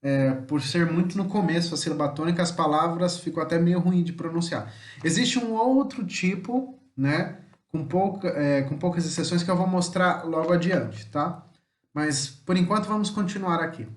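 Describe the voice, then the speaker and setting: A Brazilian-accented man teaching a homeschool lesson, with a voice pitched a little high for a man. He chats along, tacks questions onto his sentences and sounds out example words slowly. The room around him is echoey. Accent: Brazilian Portuguese. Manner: chatty, many tag questions, slow deliberate word examples.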